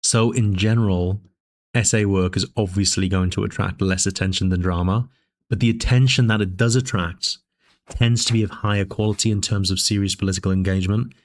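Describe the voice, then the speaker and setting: A political commentary channel host, sipping tea, works through his arguments for viewers in measured, discursive, casual spoken commentary. His fairly low voice holds a steady tone and sounds a little dry, and he often pauses on fillers and restarts phrases.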